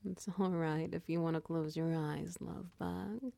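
A woman playing a tender, protective girlfriend in a whispered comfort roleplay, talking softly and reassuringly, close to the mic. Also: low voice, fairly even intonation, vocal fry, slight background noise, heavily acted. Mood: soothing. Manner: soft, slow, reassuring, half-whispered. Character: tender protective dominant girlfriend, doting and patient. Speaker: audio roleplay performer.

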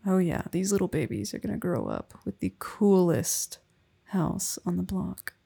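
A woman playing an affectionate young wife and mother, speaking softly and intimately, often in a whisper, in an ASMR roleplay close to the mic. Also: lowish voice, very animated, slow, exaggerated voice. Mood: tender. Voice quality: breathy. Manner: soft, intimate, often whispered, with small laughs. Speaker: roleplay performer. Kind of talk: soft-spoken ASMR roleplay.

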